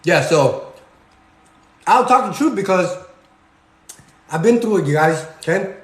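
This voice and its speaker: A man in his forties, born in Cambodia, lectures his viewers in a home kitchen while he cooks. His voice sits a little high for a man, and the room gives it a clear echo. He talks in a preachy way and keeps checking in with "okay?". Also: lively intonation, measured pace. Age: 40s. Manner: preachy, repeats "okay?" and "you guys". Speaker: fitness vlogger. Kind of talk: motivational talk while cooking.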